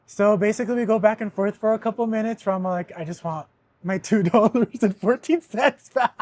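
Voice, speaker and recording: Young guy on a podcast ranting with lots of swearing, kinda high voice. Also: brisk. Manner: animated, swears a lot, laughs while telling a story. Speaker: podcast host. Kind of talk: casual storytelling chat.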